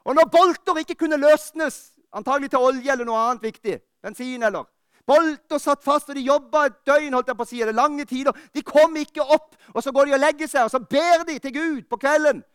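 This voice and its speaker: A man preaching a fervent sermon, rising to urgent calls and then dropping to quiet, personal talk. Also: extremely high pitch, no echo, clean studio sound. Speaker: pastor. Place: church.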